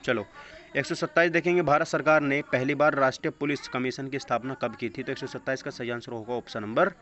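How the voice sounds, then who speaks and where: A test-prep teacher speaks in a steady, medium-pitched voice that is a little fast and a bit bright. He reads questions and answers in an instructional way, mixing English phrases into his speech, on a dull lo-fi recording with clear background noise.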